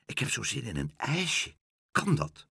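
A small sick girl speaks in a lifted, childlike voice, put on by a man reading aloud. It moves up and down a lot, with a slightly husky grain, recorded close and dry. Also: on the high side, wildly swooping pitch, measured pace, dry recording, voice pushed up, heavily acted. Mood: whispery. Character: sick little girl in bed, chatty.

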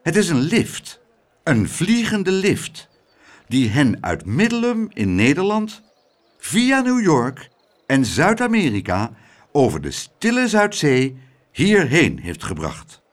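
A man's voice: a little high, huge pitch swings, slow pace, pitched above the performer's own voice, full character voice. Pompous male mayor in a storybook reading, announcing with big swooping intonation; the male narrator voices him. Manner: speechifying, announcing to a crowd.

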